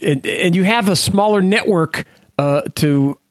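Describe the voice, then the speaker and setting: A man's voice: high-pitched, measured pace, no echo, studio quality. A man co-hosting a casual business podcast, easygoing and plain-spoken, with a laugh at his own jokes. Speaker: podcast co-host.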